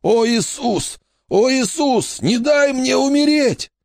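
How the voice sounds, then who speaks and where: A man's voice: lowish voice, big pitch swings, slow, darkish tone, husky, no room sound, clean studio sound, exaggerated voice. A man voicing a badly wounded man who whimpers and begs for help. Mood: pleading. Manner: whimpering, pleading. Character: badly wounded man begging for his life. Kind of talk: audiobook character voice.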